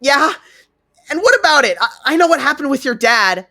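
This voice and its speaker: A man voicing a young boy who is angry and grieving and who speaks in shrill, tearful outbursts. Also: very animated, unhurried, bright, forceful tone, slightly rough, exaggerated voice.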